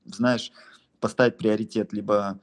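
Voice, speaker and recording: A young Russian man from the Altai region, a beatmaker and music producer, answers interview questions in a casual, slangy, rambling way, often restarting his sentences. His voice is lowish and slightly rough, with a level tone and an unhurried pace.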